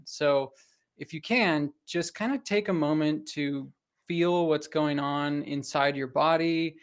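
Male co-host, somewhat high voice, informal and halting science explainer. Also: smooth. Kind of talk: casual explanatory science talk.

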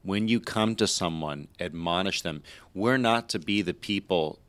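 Give me a deep-voiced man leading a Bible talk. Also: a little slow, a bit bright. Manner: emphatic, preacherly build-ups. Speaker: host leading a discussion.

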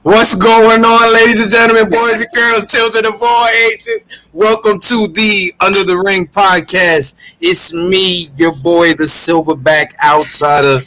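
A man's voice: fairly even intonation, unhurried, few pauses, sharp tone, soft background music, rough recording. A man from Brooklyn hosting a podcast with a hyped, showman-like grand entrance announcement. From Brooklyn, New York. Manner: hyped, booming showman delivery. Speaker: podcast host.

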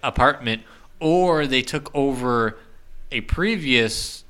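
Bright-voiced man co-hosting a podcast. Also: medium pitch, animated, slow, clean tone. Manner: chatty, lots of fillers and restarts. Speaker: podcast co-host. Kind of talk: casual podcast chat.

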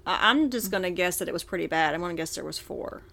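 Easygoing lower-voiced woman in a book chat. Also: expressive, fast talker, vocal fry, fairly bright tone. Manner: easygoing, hesitant, many fillers. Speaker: podcast co-host. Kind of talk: casual book-club chat.

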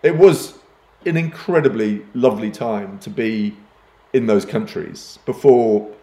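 Speaking at a measured pace, this older man has a warm voice on the low side, and the room is reverberant. He grew up in Uganda and Kenya and is an advertising executive guesting on a podcast interview, self-deprecating and often starting sentences over.

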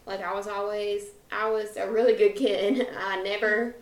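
A woman's voice: mid-range voice, little pitch movement, normal speed, roomy sound, rough recording. A woman in her twenties co-hosting a podcast, talking candidly in a chatty way and laughing between phrases. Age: 20s. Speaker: podcast co-host. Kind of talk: casual podcast chat.

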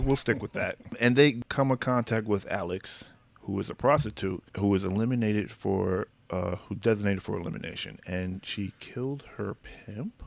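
Low gravelly laid-back man. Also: no echo. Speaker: podcast co-host. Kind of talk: casual podcast chat.

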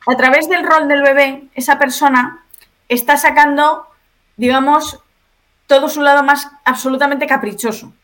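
A woman's voice: sits high, steady tone, moderate pace, fairly bright tone. A woman with a Spain Spanish accent, a video creator explaining her points one by one as a podcast guest. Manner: explanatory, methodical, lays out points. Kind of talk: podcast conversation.

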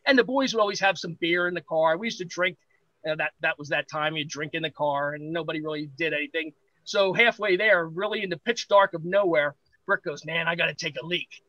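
A man guesting on a podcast, a pro wrestler telling a lively backstage anecdote and acting out what others said. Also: a little high, brisk, dry recording, poor audio. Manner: lively anecdote-teller, acts out quoted voices. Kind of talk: animated storytelling.

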